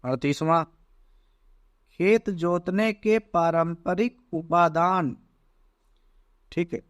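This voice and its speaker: A man talks through exam questions like a teacher, unhurried and deliberate. His voice sits slightly high, and the sound is dry and close, with no room around it. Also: no echo. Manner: slow, deliberate, repeats "theek hai" often. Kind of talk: exam paper walkthrough lesson.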